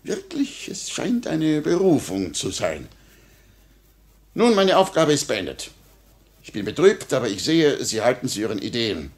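A male actor with a medium-pitched, sing-song voice plays a smug, cynical police chief in a 1950 radio play. He's suave and sardonic, coaxing and mocking in a measured, theatrical way.

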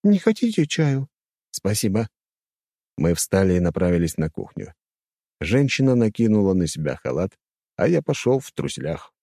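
Brief: male audiobook narrator, dark warm tone, animated delivery, dry close mic. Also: low-pitched, moderate pace, vocal fry, no room sound. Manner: expressive storytelling. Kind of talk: scripted first-person narration.

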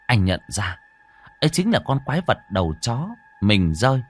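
A man narrating a dramatic story in an expressive storytelling manner. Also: on the low side, moderate pace, faint music behind. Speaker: audiobook narrator.

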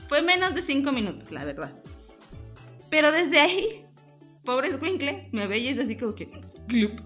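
A Mexican woman in her forties hosts a casual chat show with a fairly high voice. She tells stories animatedly, laughing often and slipping into little acted voices. Soft music plays faintly behind her. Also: normal speed. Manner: lively storyteller, laughs often, acts out voices. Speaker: podcast host.

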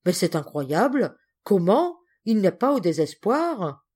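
A woman's voice: mid-range voice, very animated, slow pace, darkish tone, breathy edge, exaggerated voice. Woman doing a melodramatic old-maid cousin. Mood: outraged. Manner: exclamatory, melodramatic. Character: excitable, indignant middle-aged spinster cousin.

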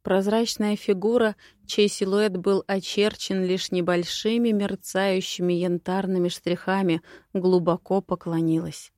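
A woman narrating a first-person romantic fantasy audiobook in an expressive way. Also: medium pitch, unhurried, dry recording, clean studio sound.

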